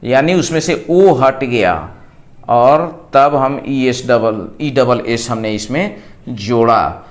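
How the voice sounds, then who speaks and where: A man's voice: mid-range voice, takes it slowly. A man with an Indian accent teaching English grammar, explaining rules and spelling words out letter by letter. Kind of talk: classroom lesson explaining rules.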